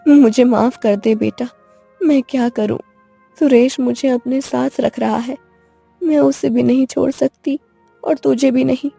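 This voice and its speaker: A woman voicing an anxious, grieving old village mother in an animated story, in a gravelly voice. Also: high voice, a little slow, soft background music, exaggerated voice. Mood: worried. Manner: anxious, pleading.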